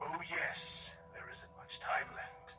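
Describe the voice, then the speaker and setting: Man voicing a whispering, menacing tyrant king. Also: lightly acted. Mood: gloating menace. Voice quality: breathy, whispery. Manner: menacing, slow theatrical taunting. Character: sinister exiled unicorn tyrant king, patient, seductive, vengeful. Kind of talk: villain acting in a fan comic dub. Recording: distant voice under loud music.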